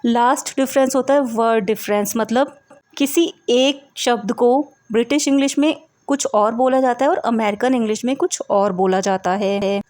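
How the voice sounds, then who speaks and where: A woman teaching English vocabulary to Hindi speakers, explaining each word slowly and clearly with repeated examples. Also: on the high side, darkish tone, no echo.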